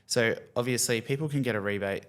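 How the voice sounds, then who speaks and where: A man's voice: medium pitch, quick pace. A man hosting a podcast, talking conversationally with frequent restarts. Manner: conversational, lots of "you know" and restarts. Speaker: podcast host. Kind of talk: casual chat.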